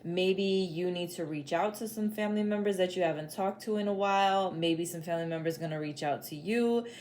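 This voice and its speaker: A woman with a somewhat low voice gives a casual tarot reading. She talks in a loose, chatty way, repeating her points and dropping in the odd swear word. A faint noise sits behind her. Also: brisk, a little mellow. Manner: chatty, repetitive, peppered with "like" and "spirit is like". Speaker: tarot reader and psychic medium.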